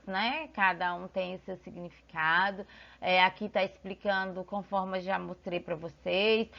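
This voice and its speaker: A woman's voice: medium pitch, highs cut off. A woman teacher, patiently explaining a lesson to children and pointing things out as she goes. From Brazil.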